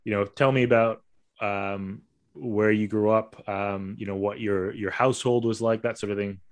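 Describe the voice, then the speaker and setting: A man's voice: lowish voice, fairly even intonation, normal speed. A man hosting a podcast, asking questions in a rambling, hesitant way. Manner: rambling, hesitant with many fillers and restarts. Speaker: podcast host. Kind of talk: casual interview.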